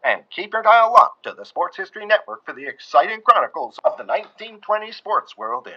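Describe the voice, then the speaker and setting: A man voicing a theatrical old-time radio announcer with a booming delivery. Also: sing-song, brisk. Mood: dramatic. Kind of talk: 1940s radio acting. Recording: dull lo-fi sound.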